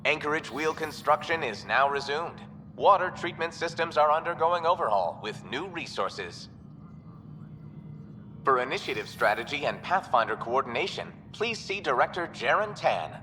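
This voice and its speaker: A man voicing a calm, informative male announcement system heard over a space station's public address speakers in a video game. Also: a little high, moderate pace, long reverb tail, faint music behind. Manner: even, formal announcer delivery.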